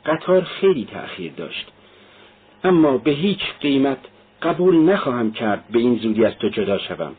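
A frightened old mother begs and frets in a high, strained voice, as a male reader puts her on. The tone is husky and thin. The sound is narrow and tinny, like a phone line. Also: very animated. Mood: pleading. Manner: high, pleading and fearful. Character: elderly anxious mother, tearful and pleading.

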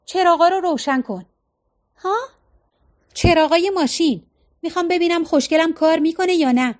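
A woman's voice: very high voice, darkish tone, pitched above the performer's own voice. A woman reading aloud as a fussy, stubborn middle-aged husband who grumbles and nags. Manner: complaining, nagging.

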